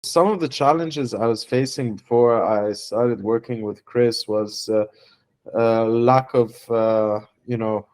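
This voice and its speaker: In a testimonial interview, a young man from Lebanon who founded a startup talks haltingly, often restarting and leaning on fillers. His voice is mid-range and a little mellow.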